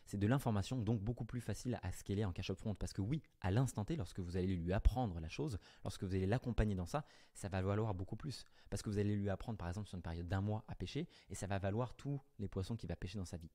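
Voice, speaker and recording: A man talking to the camera as a business coach, explaining offers to viewers in a brisk, direct way and correcting himself as he goes. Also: lowish voice, dark tone.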